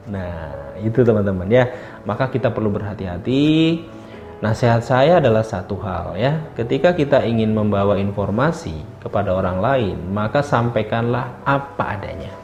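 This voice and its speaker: A man's voice: mid-range voice, darkish tone. A man giving a casual lecture, talking to listeners as friends and filling his speech with tag phrases. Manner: addresses listeners as friends, many tag fillers. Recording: roomy, slightly dull sound with faint music.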